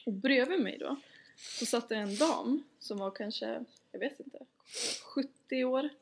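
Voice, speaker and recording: A woman's voice: a little high, creaky, slight background noise. A young woman, co-hosting a casual podcast chat in a teasing, rambling, giggly way. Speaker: podcast co-host.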